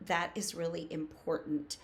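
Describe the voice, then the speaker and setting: Woman in her fifties, gravelly creak, slightly low pitch, emphatic teaching coach, casual instructional talk. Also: level tone, normal speed, a little hiss or hum. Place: small home room with bookshelves.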